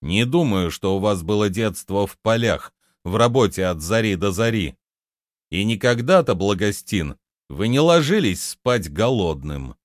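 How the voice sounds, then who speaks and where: Audiobook: man playing a stubborn peasant boy, earnest, lively, dry close read. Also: on the low side, a little slow, dry recording. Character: angry, determined peasant boy. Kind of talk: audiobook character reading.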